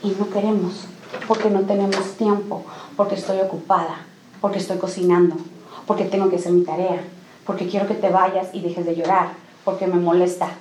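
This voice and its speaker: A woman's voice: fairly low pitch, flat delivery, brisk, a little mellow, slight background noise. A woman giving an informal church talk to women, often checking in with the audience, dropping in English phrases and acting out small scenes. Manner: acts out little quoted scenes. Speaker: speaker at a women's church gathering.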